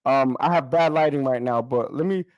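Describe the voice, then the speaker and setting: A man's voice: mid-range voice, moderate pace, darkish tone, dry recording, dull audio. A man with a New York accent in a heated informal debate, boastful and taunting, repeating himself and using street slang. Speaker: guest debater on a live stream.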